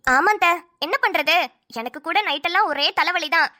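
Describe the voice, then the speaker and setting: A woman's voice: very high-pitched, normal speed, pushed and bright. A woman voicing a sarcastic, fed-up young daughter-in-law in a cartoon, grumbling under her breath. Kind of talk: cartoon voice acting.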